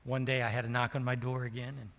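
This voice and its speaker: Older preacher in a reverberant hall. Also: male voice, medium pitch, flat delivery, quick pace. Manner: impassioned storytelling, swinging from loud to hushed. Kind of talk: sermon. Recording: long reverb of a large hall.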